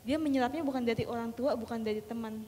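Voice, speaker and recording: Woman, audience question, halting with fillers, fairly high pitch, long hall reverb, faint noise. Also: warm tone. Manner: halting, with many fillers and restarts. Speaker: audience member asking a question. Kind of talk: hesitant question from the floor.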